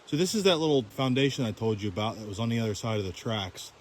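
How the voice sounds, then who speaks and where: A man's voice: lowish voice, quick pace, a little hiss or hum. Chatty man metal detecting outdoors. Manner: chatty, excited, thinking aloud while digging. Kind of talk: outdoor vlog narration to camera. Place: outdoors in a winter forest by old railroad tracks.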